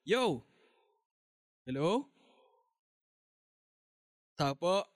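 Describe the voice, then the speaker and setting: A man's voice: high-pitched, big pitch swings, very slow. Teasing man hosting a show. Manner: teasing, joking, plays skits. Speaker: podcast host. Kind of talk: playful casual chat.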